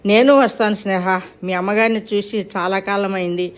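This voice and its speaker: A woman's voice: medium pitch, steady tone, moderate pace, lightly acted. A woman voicing a chatty, teasing young female friend in a storybook reading. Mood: friendly.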